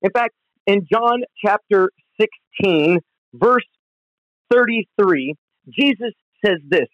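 A male pastor with a high voice speaks from home in an earnest, conversational teaching style. He is heard over the phone, so the sound is dull and lo-fi. The room is dry, with little echo. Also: lively intonation, takes it slowly. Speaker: pastor and podcast host. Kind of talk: devotional podcast teaching.

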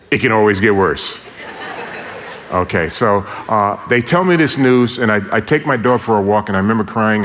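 Older preacher from New York, reverberant hall. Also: male voice, lowish voice. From New York City. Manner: lively, humorous, calls on the congregation to repeat lines. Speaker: preacher giving his testimony. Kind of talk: sermon.

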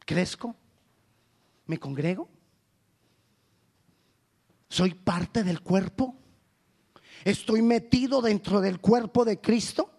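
A male pastor delivers a sermon in a notably high-pitched voice. He moves between loud, urgent exhortation and sudden low, quiet asides. The delivery is rhythmic and questioning, as if pressing the congregation. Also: slow pace, gravelly, long pauses.

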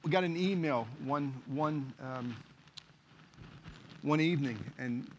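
Middle-aged guy preaching, pretty high voice, acts out all the dialogue. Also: takes it slowly, a little hiss or hum. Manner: animated, acts out dialogue in stories. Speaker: pastor. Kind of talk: sermon with storytelling.

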